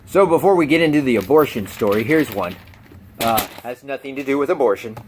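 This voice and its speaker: A man's voice: mid-range voice, animated, a little fast, a little hiss or hum. A man hosting a comedic news rant, sarcastic and mocking, who laughs at his own jokes. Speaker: YouTube host.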